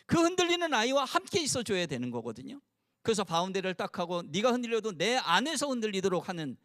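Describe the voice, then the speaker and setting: Casting: man in his 60s, pastor, fairly high and very animated voice, playful and engaging with the crowd. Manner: animated, playful, has the audience repeat phrases. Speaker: pastor and longtime teacher. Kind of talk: sermon to a mothers' gathering. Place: church, before a live audience.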